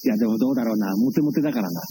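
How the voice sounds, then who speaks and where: A man who is a rakugo storyteller, co-hosting a casual chat and telling stories in a blunt, rough-spoken way. He was recorded outdoors. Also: medium pitch, very fast, dark tone, a little hiss or hum, low-quality recording. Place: outdoors, with cicadas in the background.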